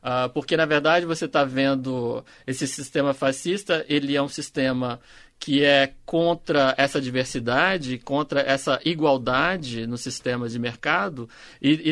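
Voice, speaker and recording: A man's voice: a little high, a bit bright, no echo. Hesitant man, dry sound. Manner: hesitant, repeats words while searching for them. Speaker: panel guest. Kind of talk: discussion on a panel show.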